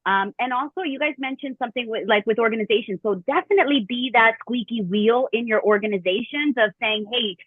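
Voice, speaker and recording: A woman moderating a conference panel in a lively, casual way, laughing easily. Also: a little high, brisk, hardly any pauses, breathy edge, dry recording. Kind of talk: panel discussion. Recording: dry tinny phone-like sound.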